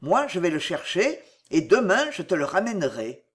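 A reader voicing a small, devoted young man in an audiobook, who speaks softly and simply. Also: mid-range voice, sing-song, normal speed, husky. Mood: tender. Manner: soft, tender, simple. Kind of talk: audiobook character voice.

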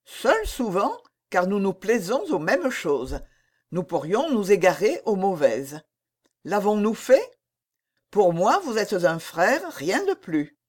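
A woman's voice: mid-range voice, very animated, takes it slowly. A woman reading a coy, teasing princess. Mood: coaxing. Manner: soft, coaxing, teasing.

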